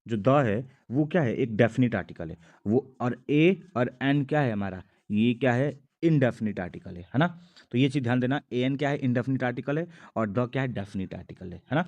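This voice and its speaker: A man's voice: medium pitch, expressive, normal speed, darkish tone, dull audio. Man teaching a grammar lesson. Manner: explains patiently, asks and answers his own questions. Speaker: English teacher.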